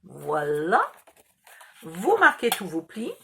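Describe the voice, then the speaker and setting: A woman's voice: lowish voice, wildly swooping pitch, slow pace, gravelly, very noisy. Chatty woman with a southern French accent. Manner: chatty, patient, explains each gesture. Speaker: craft tutorial host. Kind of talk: step-by-step craft instructions.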